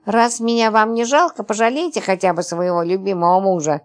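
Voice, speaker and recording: A woman's voice: medium pitch, a little fast, close to an everyday voice. A woman reading the part of a flustered, naive young wife who frets and pleads. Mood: fretful.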